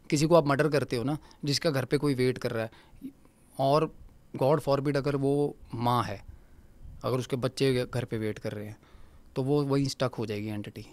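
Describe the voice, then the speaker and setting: A man's voice: mid-range voice, a little mellow. A man guest on a podcast, telling a ghost encounter vividly, repeating phrases for emphasis and mixing in English words. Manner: mixes English words into his speech. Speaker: guest paranormal researcher.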